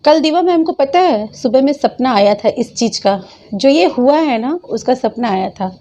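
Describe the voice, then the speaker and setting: Emotional woman vlogging, repeats herself a lot, kinda high voice but mellow, muffled lo-fi audio. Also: expressive, unhurried. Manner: repetitive, impassioned, devotional. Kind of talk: emotional personal monologue.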